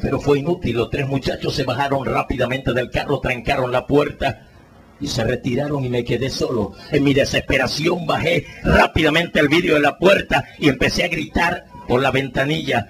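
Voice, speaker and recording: A man giving a dramatic spoken testimony as a preacher, telling it earnestly and rising into anguished pleading shouts. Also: mid-range voice, fairly even intonation, normal speed, background noise.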